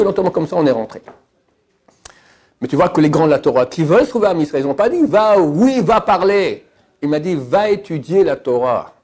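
A man from France, a rabbi teaching a Torah class and answering questions in an emphatic, animated way. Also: creaky, slightly rough. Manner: animated, emphatic, jumps between high and low.

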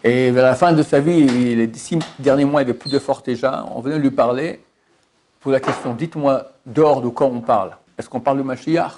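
Male preacher, fervent sermon delivery, gravelly texture, rhetorical questions to the room. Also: normal speed, darkish tone. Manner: impassioned, rising to high emphatic peaks; addresses listeners directly, rhetorical questions. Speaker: rabbi giving a Torah lesson.

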